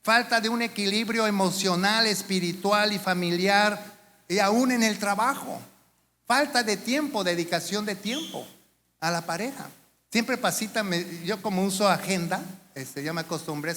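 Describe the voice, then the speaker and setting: High bright-voiced pastor preaching in a hall. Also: male voice, normal speed. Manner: animated preaching, acts out quoted voices, rhetorical questions. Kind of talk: sermon. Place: church sanctuary. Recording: church hall reverb with faint room noise.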